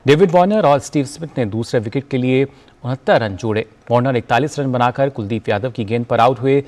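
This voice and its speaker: A man's voice: mid-range voice, darkish tone. Formal male news anchor. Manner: measured, formal delivery. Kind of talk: scripted news reading.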